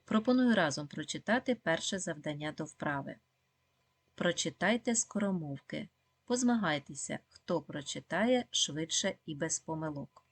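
Low, husky woman teaching young children. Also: animated, dry recording. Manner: slow, clear, encouraging, with frequent praise and questions to pupils. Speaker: primary school teacher. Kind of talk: video lesson for second graders.

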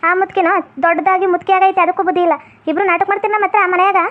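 A woman voicing a deaf, cranky old grandmother who scolds fast and holds to strict customs, in a comedy skit. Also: flat delivery. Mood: scolding. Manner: scolding, shrill and quick. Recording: tinny phone-like sound.

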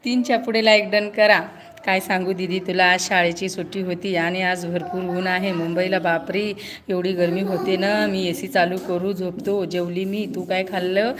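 A woman's voice: fairly low pitch, little pitch movement, normal speed, a little hiss or hum. A woman live streaming on her phone, chatting casually with viewers, teasing them and greeting each one by name.

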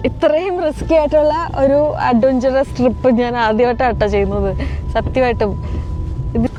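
A woman chatting casually for a travel vlog, excitable and exclaiming, mixing Malayalam with English words. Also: sits high, a little fast, dull audio. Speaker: travel vlogger.

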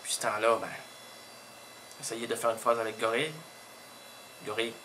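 A man's voice: medium pitch, monotone, normal speed, noisy background. A middle-aged man with a Québécois accent, hosting a radio show and joking through a one-sided phone call, playful and self-mocking with many fillers and puns. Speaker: radio host. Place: radio studio.

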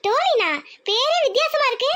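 A woman's voice: extremely high pitch, animated, normal speed, a bit bright, voice pushed up. A woman voicing a young village bride in a homemade cartoon, pleading and tearful. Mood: kind. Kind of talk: cartoon voice acting.

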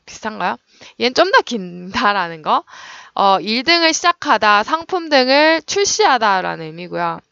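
Gravelly, bright-voiced woman teacher. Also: medium pitch, sing-song, no room sound, lo-fi sound. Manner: explains meanings and stress, models pronunciation slowly. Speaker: English teacher. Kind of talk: online lecture explaining vocabulary.

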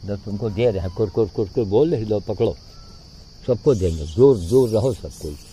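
A man's voice: on the low side, animated, normal speed, warm tone, slight background noise. A man talking casually outdoors while feeding monkeys, coaxing them with repeated calls. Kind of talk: casual outdoor vlog chat.

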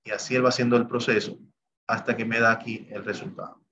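Quick and fairly monotone, a medium-pitched Excel instructor narrates each software step in a recorded screen-share class, often saying "bien" and "entonces." The audio has cut-off highs and a little hiss or hum.

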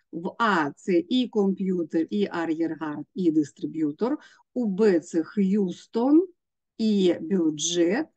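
A woman's voice: fairly low pitch, dark tone. A woman teacher, walking students through exam tasks step by step and sounding out letters. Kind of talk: exam prep lesson.

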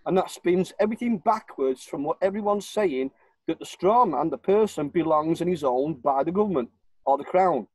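This is an older man with a northern English accent, from Warrington, appearing as a guest on a video call from home. Over his living-room webcam his fairly high, husky voice moves at normal speed and is expressive, and he insists on his points, repeating them with emphasis. The sound is dry and low-quality.

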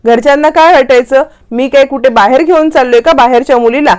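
Young husband figure, earnest and firm, a bit higher than a man's voice, as a woman puts him on. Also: a little fast, darkish tone, clear, resonant tone, lightly acted. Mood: coaxing.

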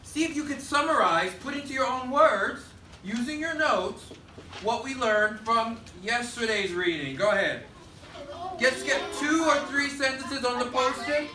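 A male third grade teacher with an extremely high, expressive voice and a sharp tone gives classroom instruction at a measured pace. He projects and directs, using short prompts and call-and-response. The indoor classroom is echoey, captured by a distant camera at the back of the room with faint noise.

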